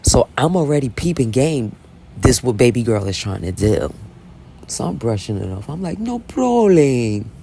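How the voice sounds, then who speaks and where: A woman's voice: extremely low pitch, normal speed, vocal fry, a little hiss or hum. A woman casually telling a story as a vlogger, chatty and blunt, often checking in with "right?". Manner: chatty, animated, constantly asks "right?"; blunt and unapologetic. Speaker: Bible reading vlogger.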